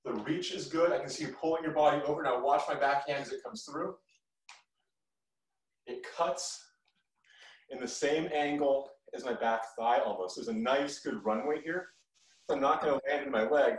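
A man's voice: mid-range voice, normal speed. A middle-aged man teaching a live kung fu class, giving short instructional commands and encouraging feedback. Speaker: martial arts instructor. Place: medium-sized living room, indoors. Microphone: camera across the room. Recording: roomy echo, distant mic.

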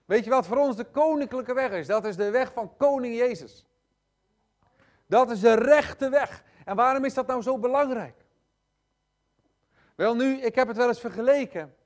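High-voiced male preacher, emphatic and repetitive. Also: moderate pace, pauses often. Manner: emphatic, repeats phrases, swings between loud and hushed; addresses congregation directly. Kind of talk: sermon.

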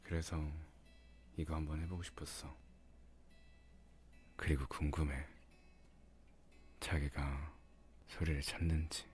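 A man playing a doting, teasing young boyfriend in an intimate ASMR ASMR role-play, murmuring softly and coaxingly close to the microphone. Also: rumbling low, little pitch movement, slow, long pauses. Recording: music behind the voice.

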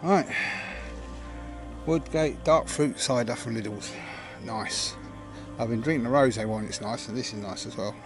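Holding an action camera at arm's length, a middle-aged outdoor vlogger from England narrates casually from his woodland camp. His medium-pitched voice moves at a measured pace, chatty and cheerful, with music playing in the background.

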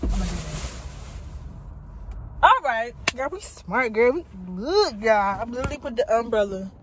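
A woman vlogging casually to her phone in a car, talking fast and loose, peppering everything with "like" and "y'all.". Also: on the high side, sing-song, noisy background. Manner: chatty, fills with "like" and "y'all", quick to exasperation. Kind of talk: casual chat to camera. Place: inside a car. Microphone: phone propped up in the car.

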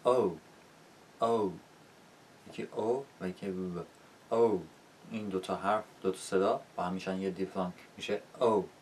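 A man's voice: low voice, fairly even intonation, hardly any pauses, recorded from a distance, slight background noise. A man teaching English pronunciation in a video lesson, patient and encouraging, often checking in with the class.

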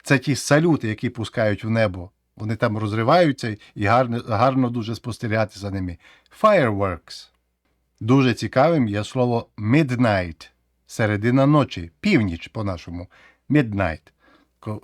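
A man with a Ukrainian accent, teaching English vocabulary in a casual video lesson, explaining slowly and repeating words for practice. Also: mid-range voice, no echo, clean studio sound.

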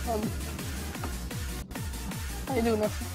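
A woman's voice: slow, dark tone, faint music behind. A woman chatting as a fellow player in voice chat, hesitant and apologetic, trailing off. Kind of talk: casual gaming voice chat.

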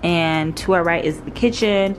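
A woman's voice: lowish voice, normal speed, faint music behind. A woman vlogging casually from a mountain rental cabin, chatty and correcting herself, short of breath. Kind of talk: casual vlog narration.

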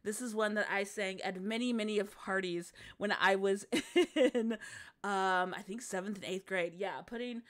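A woman's voice: mid-range voice, steady tone, moderate pace. A woman performer giving casual, friendly stage patter to her audience, thanking and encouraging them in a chatty way. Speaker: live singer and performer. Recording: music playing behind the voice. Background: music.

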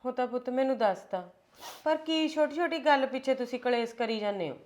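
A woman's voice: high-pitched, a little fast, close to an everyday voice. A middle-aged actress playing a patient mother who soothes and admonishes her grown children. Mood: gentle. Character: patient mother pleading for family peace. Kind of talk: film drama dialogue.

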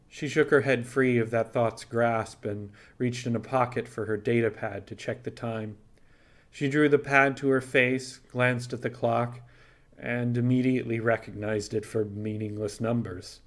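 A man with a typical male pitch narrates fiction in audiobook style. He reads scripted prose as a storyteller.

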